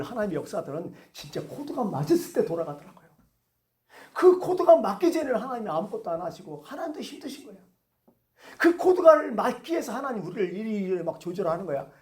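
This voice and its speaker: A man's voice: high voice, darkish tone. A male pastor giving a conversational sermon, asking the congregation questions as he goes. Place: church sanctuary. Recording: echoey church hall.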